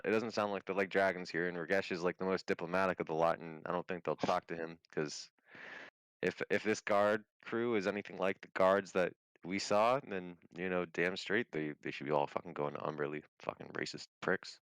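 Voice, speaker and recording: Deep, smooth-voiced man, stammering and swearing. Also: fairly bright tone, no room sound, rough recording. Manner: stammering, restarts, swears freely. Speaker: player. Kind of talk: casual in-character game chat.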